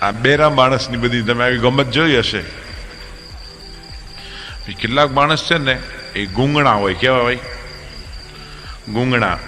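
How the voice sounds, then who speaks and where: In a large hall with soft music playing behind him, a male monk with a Gujarati accent shares humorous stories as part of a religious discourse. He speaks in a medium-pitched, sharp-toned voice, unhurried and with long pauses, acting out characters by changing his voice.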